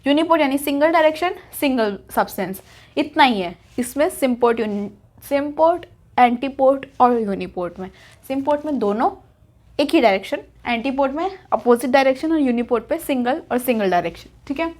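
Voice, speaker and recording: A woman's voice: sits high, expressive, a little fast, a little mellow. A young woman teaching a biology lesson at a whiteboard, chatty and repetitive, asking questions and answering them herself. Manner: chatty, repeats key terms, asks and answers herself.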